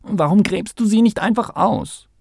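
A man voicing an eager, impatient little male mole in a children's storybook, with loud, excited exclamations. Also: mid-range voice, measured pace, gravelly, no echo, clean studio sound, full character voice. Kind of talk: storybook read-aloud.

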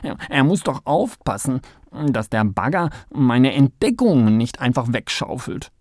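A man voicing an eager, impatient little male mole in a children's storybook, with loud, excited exclamations. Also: medium pitch, a little slow, no echo. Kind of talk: storybook read-aloud.

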